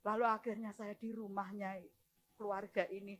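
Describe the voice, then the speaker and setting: A woman's voice: mid-range voice, flat delivery, moderate pace. A middle-aged woman with a Javanese accent gives an emotional sermon testimony as a church minister, often laughing and close to tears. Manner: emotional, laughing and near tears as she retells.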